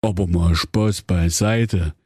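A man voicing a bored fairy-tale hotline clerk who talks in a flat, bureaucratic drawl. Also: deep voice, slow, breathy edge, no echo, studio quality, full character voice.

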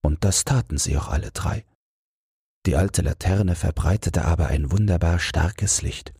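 A man narrating a fairy tale as a calm, soothing bedtime audiobook. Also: deep voice, measured pace, husky, no echo, clean studio sound.

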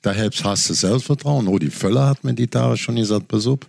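A man's voice: fairly low pitch, brisk, vocal fry, darkish tone, dry recording. A man talking football as a pundit in a casual studio chat, rambling through tactical analysis with many asides.

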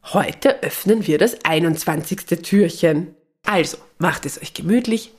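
A woman narrating a children's Christmas story in a calm, gentle way. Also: deep voice, breathy edge.

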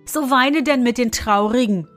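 A woman's voice: on the high side, unhurried, soft background music, close to an everyday voice. A woman voicing a proud young princess who laughs and boasts, with a touch of mockery, in a storybook reading. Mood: offended. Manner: bright, merry, a little mocking.

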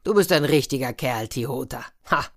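A woman voicing a huge, jovial male smith who speaks in a booming, hearty way in a storybook reading. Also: normal speed.

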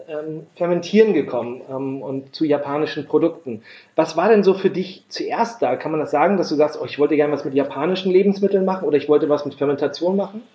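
A man hosting a podcast interview from a small workshop, talking casually with lots of fillers and restarts. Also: fairly high pitch. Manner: hesitant, many fillers and restarts. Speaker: podcast host. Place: workshop in a city. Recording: echoey room, dull lo-fi sound. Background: production noise.

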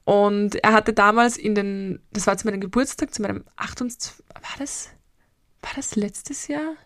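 A woman's voice: medium pitch, unhurried, fairly bright tone, no room sound. Austrian woman in her 20s, coach doing a solo podcast, chatty and rambly, lots of ums, dry close sound. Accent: Austrian German. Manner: rambling and personal, with frequent hesitations. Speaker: mental coach and podcast host. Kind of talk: reflective solo podcast talk.

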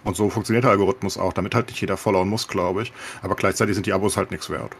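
A podcast host with a lowish, somewhat husky voice chats casually in a steady tone. He talks fast and colloquially, relying on sardonic understatement.

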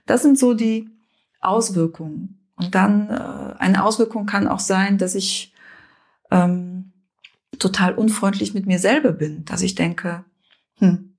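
A woman who works as a coach and mediator explains her method in calm, measured steps, her mid-range voice gravelly and slightly husky. She talks in short phrases broken by frequent pauses, aiming to explain rather than perform.

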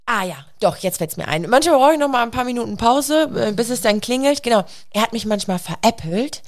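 A woman's voice: fairly high pitch, animated, fairly quick. A woman in her thirties, a mother of young children, chatting casually and animatedly quoting her son. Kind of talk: casual podcast conversation.

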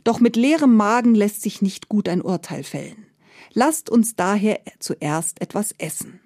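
Woman playing a wise village judge, calm, measured, deliberate, dry close sound. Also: mid-range voice, no room sound.

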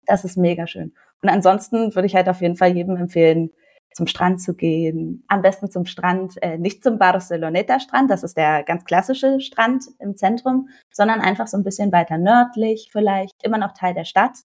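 A woman's voice: lowish voice, normal speed, darkish tone. A young woman from Germany, a guest on a podcast, enthusiastically giving travel tips in casual chat.

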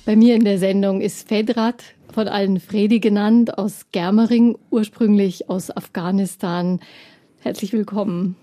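A woman hosting a podcast, reading a scripted intro and then interviewing her guest in a measured, articulate way. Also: medium pitch, no room sound, soft background music. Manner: measured, articulate, even-paced. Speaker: podcast host.

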